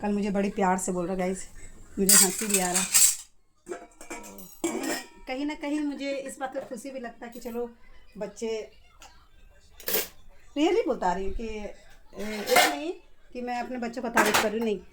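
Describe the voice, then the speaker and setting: A woman's voice: on the high side, moderate pace, pauses often, very noisy. A middle-aged woman chatting casually to her viewers in a home vlog, telling family stories while doing chores in her kitchen. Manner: chatty, addresses viewers as guys. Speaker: vlogger.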